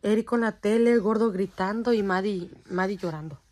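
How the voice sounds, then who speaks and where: A woman's voice: medium pitch, a little fast, a little mellow. A young woman, chatting casually to her phone camera at home as a mother and vlogger, teasing and swearing now and then. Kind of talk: casual home vlog chat. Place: home bedroom.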